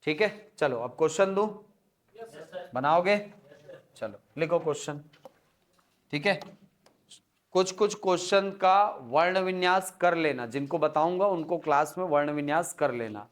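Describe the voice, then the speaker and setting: A man lectures to a room of students in a slow, deliberate way, taking words apart sound by sound. His voice sits a little high, and he keeps asking whether everyone has understood. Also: expressive. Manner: checks with students often, spells words out slowly. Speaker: teacher. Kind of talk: classroom lecture. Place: classroom.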